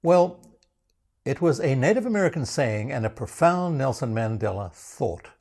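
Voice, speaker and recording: Gravelly man, dry wit. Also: mid-range voice, very animated, moderate pace, darkish tone. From South Africa. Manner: dry, self-mocking humor. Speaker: program founder presenting. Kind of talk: scripted video introduction.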